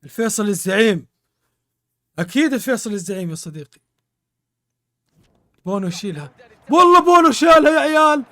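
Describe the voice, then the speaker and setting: A man with a very high voice calls a football video game live for his stream. He bursts into repeated exclamations and keeps thanking his viewers between plays. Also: expressive, quick pace, long pauses, fairly bright tone. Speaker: gaming streamer. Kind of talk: excited live game commentary.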